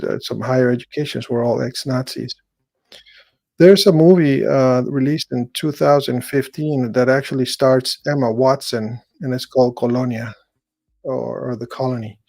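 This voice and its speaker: With a warm, gravelly voice of medium pitch and no echo, a middle-aged host from Chile reads out an article. His casual commentary afterward is hesitant, packed with fillers and false starts.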